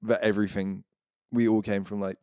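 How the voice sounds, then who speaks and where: Low-pitched man chatting hesitantly. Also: level tone, brisk, darkish tone, clear, resonant tone, no echo. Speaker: podcast co-host. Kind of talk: casual chat.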